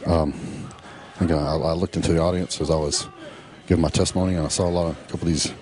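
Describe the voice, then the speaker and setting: A middle-aged man, casually narrating in a laid-back, drawn-out way full of fillers. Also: sits low, fairly even intonation, darkish tone. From Texas. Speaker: professional bodybuilder.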